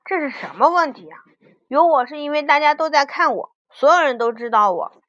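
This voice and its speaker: A woman's voice: high-pitched, animated, fairly quick, no room sound, muffled recording, pitched above the performer's own voice. A woman voicing a grumpy, self-important television in a children's storybook. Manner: irritable, loud.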